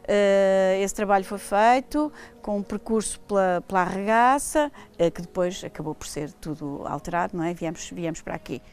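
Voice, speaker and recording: A woman's voice: mid-range voice, moderate pace, darkish tone. A woman sound designer in an interview, speaking earnestly and with emphasis. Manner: earnest, emphatic about art's purpose.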